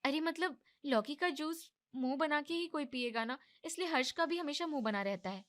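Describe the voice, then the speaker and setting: A woman voicing an irritable young daughter-in-law in a cartoon family drama, complaining and pushing back. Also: a bit bright. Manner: high, complaining and quick.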